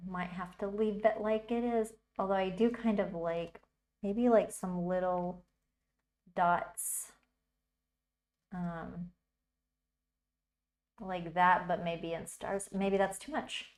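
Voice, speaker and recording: A woman's voice: on the low side, steady tone, slow pace, long pauses. A woman hosting a casual art livestream, chatting and thinking aloud as she works, with frequent bursts of delight. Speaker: livestream host teaching digital art.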